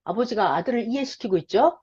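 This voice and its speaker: A woman's voice: a little high, quick pace, husky. A woman teaching a lecture for beginners, telling a story with animation and putting questions to her listeners, on a lo-fi recording. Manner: animated storytelling, quizzing the audience. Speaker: Bible teacher. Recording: lo-fi dull recording.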